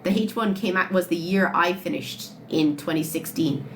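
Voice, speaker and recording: On a phone livestream with background noise and low-quality audio, a woman in her late twenties with an Irish accent talks casually with her viewers. Her voice sits on the low side and her pace is moderate. She's blunt, swears freely, and answers chat questions.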